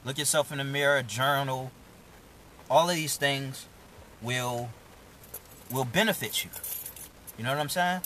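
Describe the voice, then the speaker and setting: A man's voice: medium pitch, measured pace, long pauses, pushed and bright, a little hiss or hum, low-quality recording. A young man giving a casual, profane, streetwise motivational talk on his own live video. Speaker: vlogger.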